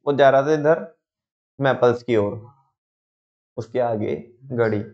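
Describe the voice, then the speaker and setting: A man's voice: mid-range voice, slow, a little mellow, dull audio. A young man teaching a class, telling stories, acting out quotes and quizzing his students as he explains. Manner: storytelling, asks students questions, acts out quotes. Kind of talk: lively classroom lecture with acted examples.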